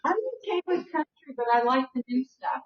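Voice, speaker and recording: A woman co-hosting a casual patio chat, playful and quick to agree. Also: sits high, very animated, echoey room. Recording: dull lo-fi sound.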